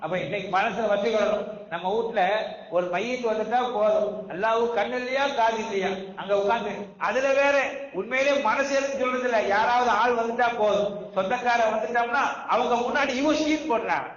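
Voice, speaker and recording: High-voiced male preacher, roomy sound. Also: fairly quick, a bit bright, dull audio. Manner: conversational, rhetorical questions to the audience. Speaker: Islamic preacher. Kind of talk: sermon.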